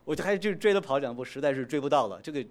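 A middle-aged male pastor telling a lively personal story in a sermon, dropping in English words and chuckling as he goes. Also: a little high, very fast.

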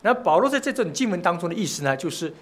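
A man's voice: high-pitched, sing-song, quick pace, a bit bright. A man preaching a sermon, speaking with frequent filler sounds and rising emphatic peaks. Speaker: pastor.

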